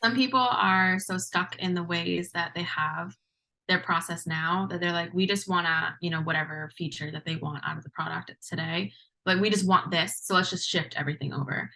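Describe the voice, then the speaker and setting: A woman's voice: on the low side, moderate pace, pushed and bright, poor audio. A woman guest in casual podcast conversation, chatty with lots of restarts. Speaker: guest, implementation lead.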